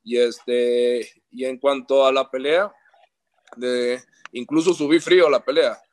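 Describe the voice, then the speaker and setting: A man's voice: medium pitch, fairly even intonation, measured pace. A man, a professional boxer in a post-fight interview, boasting and trash-talking his rivals.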